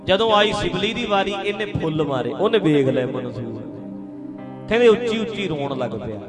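A man giving a sermon in a storytelling way, now loud and now soft. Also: high voice, expressive, normal speed. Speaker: preacher. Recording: music behind the voice.

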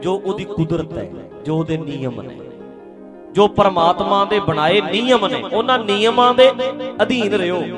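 A man giving a sermon in a storytelling way, now loud and now soft. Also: high voice, animated, measured pace. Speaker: preacher. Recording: music behind the voice.

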